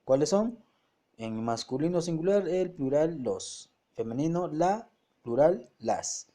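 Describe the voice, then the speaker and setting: A man teaches a grammar lesson in a mellow, darkish voice. He works through the points step by step, stumbling and restarting words. He often pauses to check that his students follow. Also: a little high, very animated.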